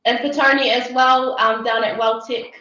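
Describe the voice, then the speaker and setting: A woman speaks in a flat, monotone way. She sounds far from the mic in a very echoey room. The audio is dull. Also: on the high side, unhurried. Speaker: panelist. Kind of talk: panel introduction. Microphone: video call.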